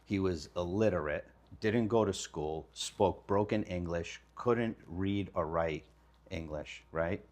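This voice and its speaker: Deep-voiced man in his fifties. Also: slow pace. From Lebanon. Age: 50s. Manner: relaxed, candid, talks with casual slang. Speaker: guest, kitchen design business owner. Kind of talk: casual storytelling.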